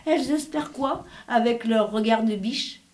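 A man's voice: very high-pitched, normal speed, slight background noise, pitched above the performer's own voice. A woman doing a teasing, mocking man. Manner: mocking, laughing. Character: teasing, jovial man, rich man's brother. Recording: roomy echo.

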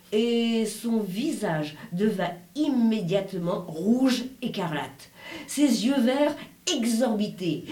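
A woman narrating a first-person story in an expressive, wry way. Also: mid-range voice. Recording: roomy echo.

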